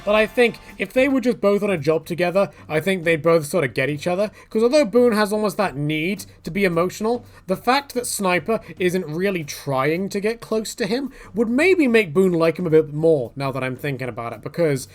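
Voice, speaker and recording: A man offers casual, meandering opinion commentary as a video creator, jokey and conversational with frequent mock quotes. He speaks in a high, expressive voice, brisk and with few pauses.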